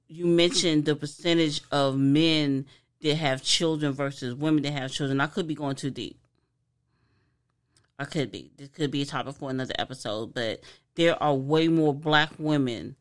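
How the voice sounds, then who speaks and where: A woman's voice: sits low, fairly bright tone. A woman co-hosting a casual podcast, giving earnest advice and often restarting her sentences. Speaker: podcast co-host.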